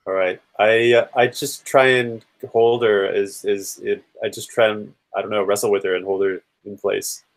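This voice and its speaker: A man playing a tabletop game, describing his character's actions in a halting way. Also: fairly low pitch, steady tone. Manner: halting, restarts often. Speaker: player. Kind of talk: casual tabletop play.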